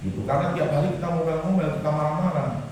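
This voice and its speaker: A middle-aged male pastor, preaching emphatically, his voice swinging between loud and soft. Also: fairly high pitch, animated, fast. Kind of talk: sermon. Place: church hall. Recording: very echoey hall, voice from far off, faint noise.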